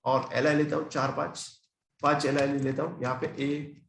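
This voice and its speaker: A young man from India teaching programming in a relaxed, conversational way, asking and answering his own questions. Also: fairly high pitch, moderate pace, vocal fry, echoey room, slight background noise. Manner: conversational, asks and answers own questions, often checks in with "ठीक है". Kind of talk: screen-recorded coding tutorial.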